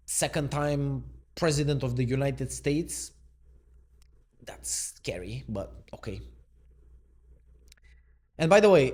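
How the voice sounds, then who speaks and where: A man's voice: medium pitch, a little mellow. Easygoing man musing aloud. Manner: musing, thinks aloud and questions what he reads; easygoing, laid-back. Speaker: mindset coach. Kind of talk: unscripted reaction video.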